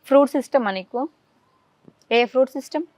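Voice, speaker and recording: A woman interviewing a child in a casual chat, coaxing answers out of them with quick questions. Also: high-pitched, a little mellow, no echo. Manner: coaxing, rapid-fire questions. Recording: dull lo-fi dry sound.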